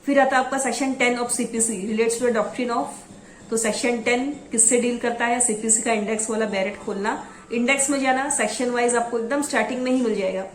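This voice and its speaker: A woman from Assam teaching exam preparation, reading out headings slowly and then explaining them. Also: a little high, fairly even intonation, roomy sound, slight background noise. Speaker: law exam tutor. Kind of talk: exam coaching lesson.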